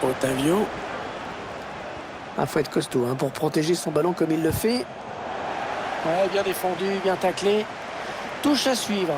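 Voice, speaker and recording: A man giving excited play-by-play football commentary for a video game, breaking into shouted calls at big moments. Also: fairly high pitch, a little slow, pauses often, heavy background noise. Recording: loud stadium ambience behind voice.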